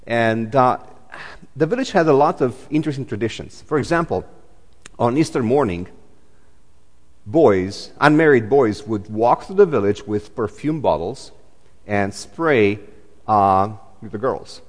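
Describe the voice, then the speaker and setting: A man's voice: medium pitch, lively intonation, unhurried, big-room sound. A man, preaching a sermon in a chatty way, full of fillers and restarts. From Romania. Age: 40s. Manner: conversational, many fillers and restarts. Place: church.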